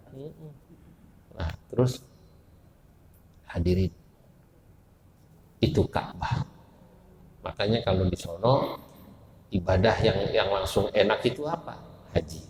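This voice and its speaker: A man preaching in a mosque, lively and joking, putting questions to his audience in casual speech. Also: on the low side. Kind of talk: sermon. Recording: echoey mosque hall.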